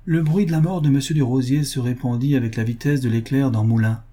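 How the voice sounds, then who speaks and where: Male narrator, steady, dark husky voice. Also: medium pitch, a little fast. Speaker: audiobook narrator. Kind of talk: scripted narration.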